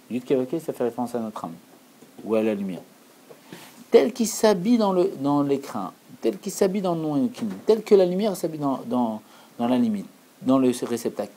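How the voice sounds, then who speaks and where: Mellow-voiced male Torah teacher. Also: medium pitch, slightly rough, rough recording. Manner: earnest, repeats key phrases for emphasis. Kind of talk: explanatory Torah lesson.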